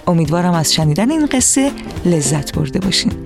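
A woman's voice: lowish voice, big pitch swings, creaky, faint music behind. A woman radio storyteller reading a children's story, speaking directly to the children. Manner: warm direct address to children. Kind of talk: scripted storybook narration for children.

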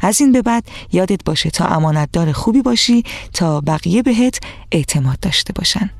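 A woman's voice: on the low side, animated, no room sound, studio quality. Woman doing a kind patient mother. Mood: gentle. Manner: gentle, instructive.

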